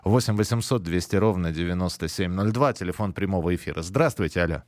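A man hosting a live radio phone-in in a conversational, halting, self-correcting way. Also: low-pitched, no echo, clean studio sound. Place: dry studio.

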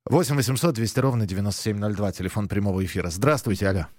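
A man hosting a live radio phone-in in a conversational, halting, self-correcting way. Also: on the low side, darkish tone. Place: dry studio.

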